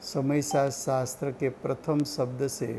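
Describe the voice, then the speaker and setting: Slow, gravelly man teaching scripture. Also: mid-range voice, little pitch movement, warm tone, slight background noise. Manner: slow, deliberate teaching with repetition. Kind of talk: religious study lecture.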